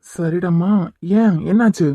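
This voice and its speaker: A woman's voice: lowish voice, a little slow, mellow, dry recording, studio quality, soft background music. A woman voicing a teasing, protective young male groom in a cartoon, with a Kanyakumari Tamil accent.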